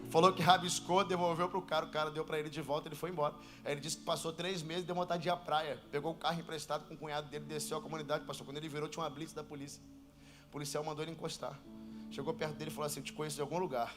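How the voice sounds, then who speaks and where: A Brazilian man with a high voice preaches from a church pulpit. He tells his story and then climbs into shouted, sing-song preaching. A faint band plays behind him. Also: level tone, rapid-fire, over music. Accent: Brazilian Portuguese. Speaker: pastor. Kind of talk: sermon.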